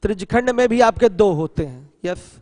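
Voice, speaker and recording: A man's voice: high voice, expressive, moderate pace, a little mellow, no echo, in a large hall. A man teaching a geometry lesson who keeps asking students questions, answers them himself, and mixes English terms into his explanations. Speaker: math teacher.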